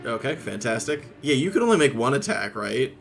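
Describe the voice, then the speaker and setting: A man running a tabletop game as game master, excitable, laughing often and swearing freely. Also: mid-range voice, fairly quick, gravelly, faint music behind.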